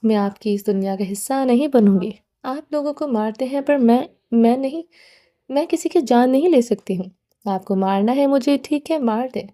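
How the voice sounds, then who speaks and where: A woman's voice: a little high, mellow, close to an everyday voice. A woman reading the part of a frightened, tearful young woman in a storybook, pleading and timid.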